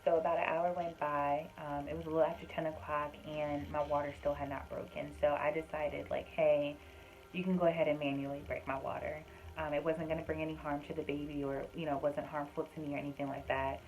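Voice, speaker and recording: A woman's voice: low-pitched, level tone, a little fast, darkish tone, slight background noise, poor audio. A young woman casually recounting a personal story to her viewers, chatty, with frequent fillers and addressing them as "y'all". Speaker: vlogger sharing her birth story.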